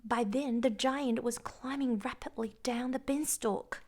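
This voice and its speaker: A woman reading a bedtime fairytale aloud in a hushed, half-whispered storytelling voice. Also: a little high, steady tone, a little slow.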